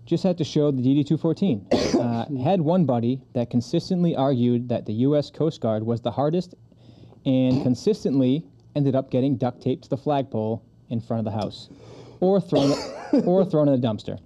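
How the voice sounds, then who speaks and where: A man's voice: medium pitch, moderate pace, dark tone, dull audio. A man co-hosting a podcast, laid-back and profane, telling stories and reading listener comments aloud. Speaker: podcast co-host. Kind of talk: casual chat and reading comments.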